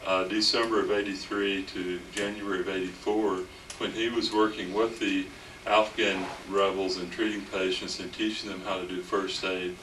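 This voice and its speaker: A man acting as host, giving a formal introduction of the speaker in a measured, plain way. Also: sits low, bright, forceful tone. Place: auditorium at a medical center. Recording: echoey hall recorded from far off, some noise.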